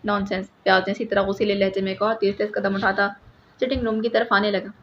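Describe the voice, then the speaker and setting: Woman reading a novel out loud, steady and measured, faint hiss behind. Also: mid-range voice. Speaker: narrator. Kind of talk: scripted audiobook narration. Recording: slightly muffled with faint hiss.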